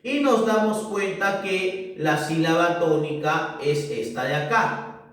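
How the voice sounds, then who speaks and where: A man's voice: on the high side, slow pace, a bit bright. A male teacher patiently explaining a lesson and often checking that his students follow along. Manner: patient, keeps asking ¿correcto? and ¿no es cierto?. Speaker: language teacher. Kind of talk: recorded class explanation. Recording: echoey room, far from the mic.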